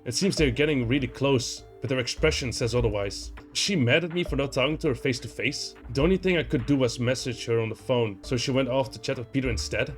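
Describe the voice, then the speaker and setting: A young man playing an indie horror visual novel, reading its text aloud and reacting in an animated way, swearing and saying "like" a lot. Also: mid-range voice, fast talker, few pauses, soft background music. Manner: animated, swears, heavy use of "like".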